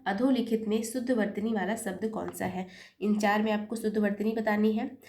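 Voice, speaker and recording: A woman's voice: mid-range voice, a little mellow. A woman teaching an exam-prep lesson, patiently spelling out corrections step by step and correcting her own slips as she goes. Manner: self-correcting, apologizes for slips. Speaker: Hindi teacher.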